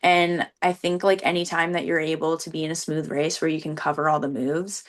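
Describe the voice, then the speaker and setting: A woman's voice: sits low, flat delivery, brisk. A young woman runner talking earnestly in a casual interview, peppering her sentences with "like". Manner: earnest, frequent "like" as filler. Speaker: competitive runner being interviewed.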